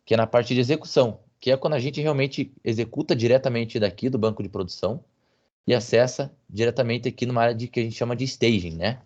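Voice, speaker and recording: A man's voice: mid-range voice, quick pace, darkish tone. A man giving a technical talk as a guest speaker, hesitant, with many fillers and tag questions, over a video call. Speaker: guest speaker on business intelligence. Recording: muffled lo-fi audio.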